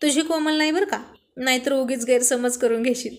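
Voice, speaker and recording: A woman's voice: sits high, a little fast. A woman voicing a playful young man who teases his friends in a spoken story. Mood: teasing. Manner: playful, teasing.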